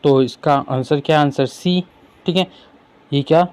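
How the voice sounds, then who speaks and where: Male exam tutor, higher voice, asks and answers his own questions, reads English lines slowly. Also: darkish tone, clear, resonant tone. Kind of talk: explaining exam questions in Hindi with English terms.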